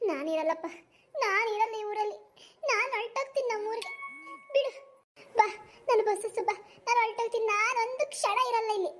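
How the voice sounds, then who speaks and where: Woman as a shrill, quarrelsome cartoon granny who wails and scolds melodramatically. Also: a little fast. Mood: wailing. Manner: complaining, scolding, melodramatic lamenting. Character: wailing old village grandmother, quarrelsome and proud. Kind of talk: animated cartoon voice acting.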